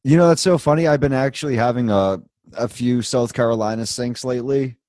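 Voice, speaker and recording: A man's voice: medium pitch, fairly quick, dark tone, no echo, studio quality. A man hosting a live show in casual chat, rambling along with easygoing asides. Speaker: host.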